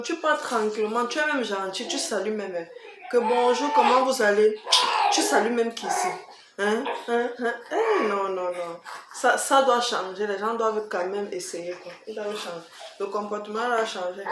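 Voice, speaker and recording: A woman with a Cameroonian accent chatting casually for a vlog, emphatic, repeating herself and tossing in rhetorical questions. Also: medium pitch. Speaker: vlogger answering tag questions. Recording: roomy echo, faint background music.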